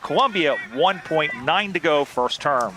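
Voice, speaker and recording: A man's voice: fairly high pitch, expressive, unhurried. A man calling a live football match outdoors beside the field, chatty and full of side remarks. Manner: chatty, drifts into asides. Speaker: play-by-play commentator. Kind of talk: live sports commentary. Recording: outdoor field with loud background noise.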